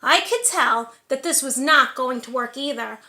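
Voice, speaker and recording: Lady doing a kids read aloud, really high lively voice, slow, echoey room. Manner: encouraging, asks young listeners questions. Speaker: read-aloud storyteller for preschoolers. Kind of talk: animated children's storybook reading.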